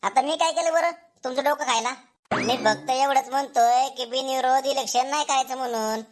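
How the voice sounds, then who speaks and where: A woman's voice: high-pitched, brisk, natural voice. A woman voicing a swaggering schoolboy who boasts, in a comedy sketch. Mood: boastful. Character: cocky schoolboy bragging about his power.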